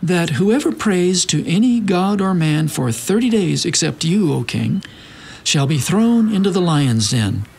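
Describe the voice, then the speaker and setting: An actor playing a sly, flattering royal official in a theatrical Bible drama. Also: male voice, sits high, measured pace, gravelly, breathy edge, full character voice, poor audio. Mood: fawning.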